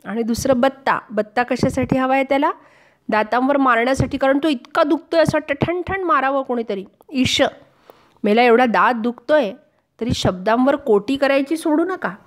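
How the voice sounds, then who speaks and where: A woman teaching a class, reading a funny passage aloud and explaining it line by line. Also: high-pitched. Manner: reads a passage aloud, then explains it in plain words and acts out the dialogue. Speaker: Marathi teacher. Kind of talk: reading and explaining a humorous lesson text.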